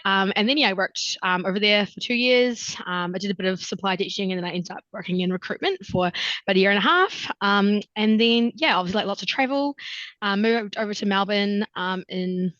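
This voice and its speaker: A woman's voice: medium pitch, brisk, fairly bright tone, no echo. A young woman hosts an online info session, chatty and loose, filling her talk with ums and likes. Her voice sits in a middle range and sounds dry. The video call audio is slightly muffled. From New Zealand. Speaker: recruitment consultant hosting a webinar. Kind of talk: casual webinar presentation.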